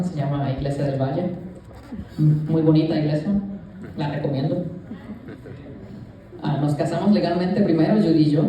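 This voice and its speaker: A man's voice: on the high side, dark tone, a little hiss or hum. A young man from Rico, earnestly telling his personal testimony to a church congregation and addressing them directly. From Puerto Rico. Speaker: youth leader giving a church testimony. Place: church sanctuary. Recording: echoey church hall, voice from a distance.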